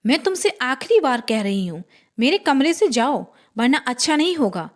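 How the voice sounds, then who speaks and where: Brief: icy threatening young woman, done by a female narrator, curt, high voice, horror audio story. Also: sing-song, normal speed. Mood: cold threat. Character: cold, menacing young woman.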